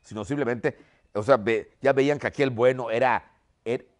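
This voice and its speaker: A man's voice: medium pitch, normal speed. Man telling history with frequent "¿ok?". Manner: keeps adding "¿ok?" as a check-in; vivid, animated retelling. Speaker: history teacher. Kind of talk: storytelling history lesson.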